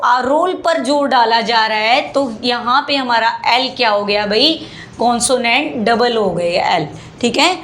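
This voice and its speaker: A woman teaching English spelling rules in a slow, patient lesson, repeating words and asking rhetorical questions. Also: on the high side, fairly bright tone.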